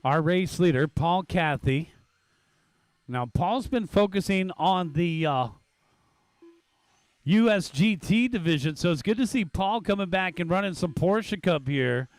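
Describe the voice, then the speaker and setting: A high-voiced man calls a race live as the announcer. His delivery is casual and chatty, breaking into exclamations, and his voice is clean and smooth with a dry, close sound. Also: animated, measured pace, no room sound. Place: at a race track event.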